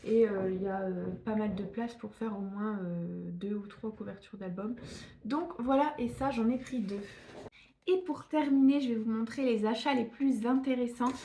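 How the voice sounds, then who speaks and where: A woman's voice: fairly high pitch, normal speed, mellow, a little hiss or hum. A woman from northern France chatting through a scrapbooking haul, hesitant with many fillers and restarts. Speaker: scrapbooking YouTuber. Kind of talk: casual haul video.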